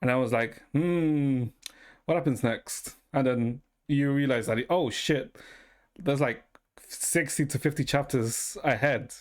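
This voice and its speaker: Music runs in the background while this Ecuadorian livestreamer chats informally and wanders from topic to topic, cursing without restraint. He speaks in a mid-range voice at an unhurried pace.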